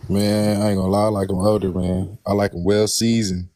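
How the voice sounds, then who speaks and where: A man's voice: fairly low pitch, flat delivery, a little fast, dark tone, no echo, studio quality. Laid-back slangy man on a panel. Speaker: panel caller. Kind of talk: casual livestream chat.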